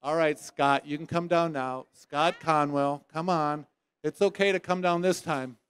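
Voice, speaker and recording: A man's voice: fairly high pitch, a little slow, clear, resonant tone. A man hosting a prize giveaway at a trade show lounge, teasing winners and joking in a playful emcee patter. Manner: teasing, playful, loud bursts of excitement. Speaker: host drawing prize winners.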